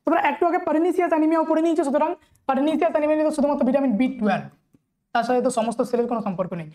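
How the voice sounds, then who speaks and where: A young woman with a Bengali accent runs a nursing exam-prep lesson in a high voice. She reads the questions aloud at an unhurried pace, then hurries through her explanations. She keeps checking in with her listeners as she goes. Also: mellow.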